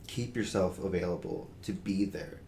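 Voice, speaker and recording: A man's voice: deep voice, normal speed, dark tone. A young man co-hosting a podcast in casual discussion, talking earnestly with many fillers and restarts. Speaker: podcast co-host. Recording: roomy with faint noise.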